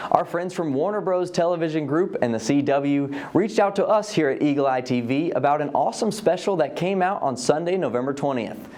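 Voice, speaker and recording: A man's voice: medium pitch, darkish tone. A young adult man hosting a student show, enthusiastic and promotional as he interviews guests. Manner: enthusiastic, promotional sign-offs.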